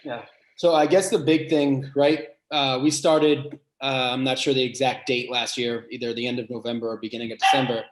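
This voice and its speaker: A man with a big voice who is a head basketball coach, answering podcast questions earnestly and thinking aloud with pauses and restarts. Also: mid-range voice, steady tone, slight background noise, low-quality recording.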